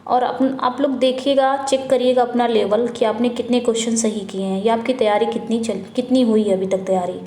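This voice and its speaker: A woman teacher working through an English exam practice paper, reading each question slowly and then asking and answering it herself, repeating the answer. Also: a little high, fairly even intonation, mellow. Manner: mixes Hindi with English terms, reads questions out slowly. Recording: echoey room.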